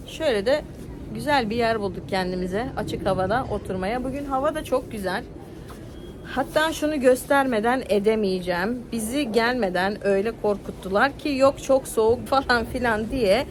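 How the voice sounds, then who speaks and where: A woman vlogger chatting casually as she shows what she finds while out and about. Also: fairly high pitch. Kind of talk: casual vlog chat. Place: outdoor market and open-air seating. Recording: very noisy busy outdoor street.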